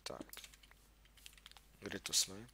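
A young gaming YouTuber chats casually about his own game as he plays, talking to himself and yelping in alarm when startled. The let's-play has keyboard and mouse clicks clearly audible beneath his voice, plus background noise.

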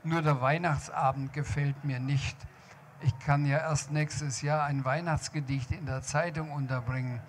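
A man voicing a polite, slightly condescending older gentleman who writes poems. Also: fairly high pitch, fairly even intonation, a little slow, a little hiss or hum, lightly acted. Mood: genteel. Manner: genteel, a little condescending.

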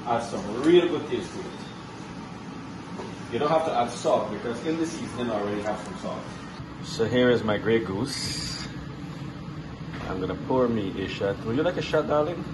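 In a noisy home kitchen with a loud appliance hum, a man in his forties with a Guyanese accent presents a cooking vlog. His medium-pitched voice has lively intonation at a normal speed, and he chats casually, pausing often.

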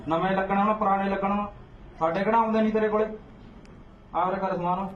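A high-pitched man scolds and lectures in a confrontational street argument, repeating his demands again and again. The sound is dull and echoey, with clear noise behind him. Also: fairly even intonation, brisk, distant mic. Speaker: activist confronting a drug seller. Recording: echoey, dull, noisy phone video.

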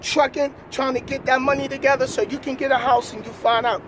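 Standing next to his parked semi, a trucker vlogger from New York City gives a slangy, emphatic motivational talk, hammering his points more than once. His voice is very high and fairly even in intonation, and he talks briskly. The camera is held at arm's length outdoors, picking up heavy wind and traffic noise.

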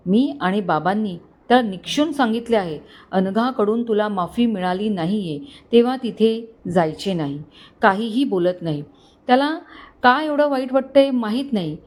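A woman's voice: medium pitch, expressive, moderate pace, natural voice. A woman voicing a loving mother-in-law. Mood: sorrowful. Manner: affectionate, warm-hearted. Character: loving older mother-in-law, gentle and sorrowful. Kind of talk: storybook dialogue.

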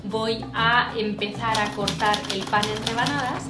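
A woman with a Spanish accent from Spain, chatting excitably to viewers while cooking in her kitchen. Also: on the high side, unhurried, recorded from a distance. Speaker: cooking vlogger. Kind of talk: casual cooking demonstration. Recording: echoey kitchen with music behind.

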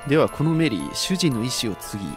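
A man's voice: mid-range voice, big pitch swings, quick pace, over music, close to an everyday voice. A man voicing a polite, servile talking doll girl from a horror game, in formal, deferential speech. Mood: polite, solemn. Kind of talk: reading game dialogue aloud.

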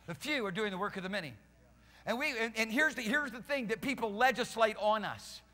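Man in his fifties, pastor, very high bright voice, fervent emphatic preaching, long hall reverb. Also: animated, brisk. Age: 50s. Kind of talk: sermon. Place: church hall stage with band gear, live congregation. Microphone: headset mic, preaching while pacing and gesturing.

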